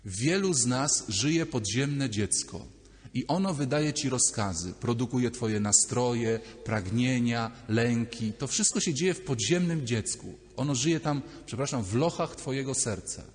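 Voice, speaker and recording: Animated priest preaching in a reverberant church. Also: male voice, mid-range voice, a little slow. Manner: lively, acts out little dialogues, addresses listeners directly. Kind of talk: sermon.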